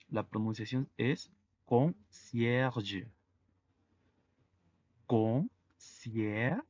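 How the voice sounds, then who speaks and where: Slow, gravelly-voiced male teacher. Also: lowish voice, lo-fi sound. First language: Spanish. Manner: slow, methodical, spells out sounds letter by letter. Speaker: French teacher. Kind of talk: online language lesson.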